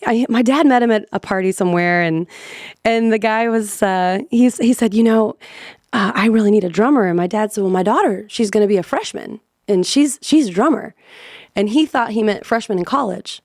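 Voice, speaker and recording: A professional singer in her thirties, appearing as a podcast guest, tells stories animatedly with lots of fillers and frequent laughter. Her mid-range voice has a darkish tone and moves fairly quickly, recorded in studio quality with no echo.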